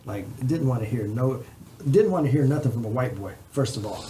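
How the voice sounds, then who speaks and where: Mellow man in laughing casual chat. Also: mid-range voice, animated, a little hiss or hum. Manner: laughing, drawn-out "man" at line ends.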